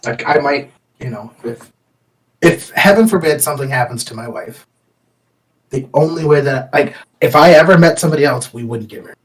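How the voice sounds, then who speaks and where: A man's voice: medium pitch, brisk. A man chatting casually as a podcast co-host, his microphone cutting in and out with crackle. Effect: mic cutting in and out with crackle. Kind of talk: casual chat.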